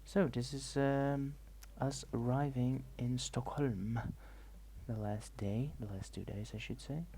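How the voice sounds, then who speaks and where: A soft-spoken ASMR vlogger with a gravelly, mid-range voice narrates a travel vlog, taking it slowly with fairly even intonation. He rambles and hesitates, drifting between quiet talk and whispers. Faint ambient noise sits in the background.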